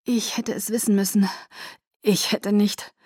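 A woman voicing a remorseful young man, a brooding vampire lover who speaks low and hushed in an audiobook. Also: steady tone, a little slow, husky, no room sound, clean studio sound. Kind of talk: audiobook character voice.

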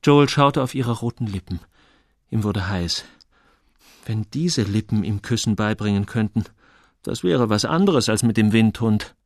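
A male audiobook narrator telling the story in a calm, expressive voice. His pitch moves in a lively way, and his tone has a gravelly rasp. The recording is close and dry. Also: unhurried, dry recording.

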